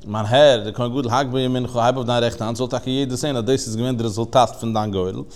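A man giving a Talmud lesson in a mid-pitched voice, rising and falling in a chanting study singsong. He talks in an animated way, breaking off and restarting as he explains. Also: fast. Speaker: Talmud teacher. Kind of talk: Yiddish-style Talmud lesson.

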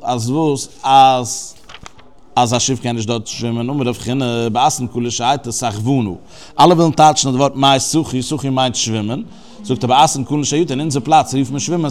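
Going phrase by phrase through scripture, a man explains each Hebrew term in a text study lesson as a religious teacher. His voice is at a typical middle pitch for a man, and his delivery is conversational, full of fillers and restarts.

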